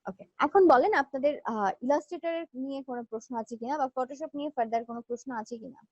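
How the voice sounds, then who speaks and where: A high-voiced woman teaches design software in a live class, moving fast and explaining each step in turn. Her voice is close and dry, with a dull, lo-fi sound. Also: no echo. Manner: explains step by step, fillers between steps. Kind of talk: live online class, screen demo.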